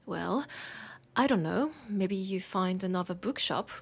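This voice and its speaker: In an intimate roleplay audio, a French-accented woman plays a warm, teasing, worried mortal bookseller who is fond of a vampire, speaking softly, hesitantly, and unhurriedly with pauses, with a tender, worried mood. Her medium-pitched voice is animated, slightly rough, with vocal fry, in a heavily acted performance.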